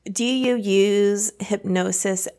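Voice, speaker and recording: A woman's voice: medium pitch, fairly even intonation, slow pace, a little mellow. Female interviewer, affirming and summarizing, conversational. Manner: affirming, summarizing, frequent agreement sounds. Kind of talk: casual interview talk.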